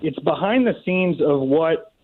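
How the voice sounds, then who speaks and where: A self-assured man talks in a relaxed, easygoing manner, slightly high in his register. His voice comes through an online call line, thin and tinny like a phone. It sounds like a call-in guest on a livestream. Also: unhurried. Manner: laid-back and self-assured. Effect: heard through an online call line. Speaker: caller pitching a show. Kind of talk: casual chat.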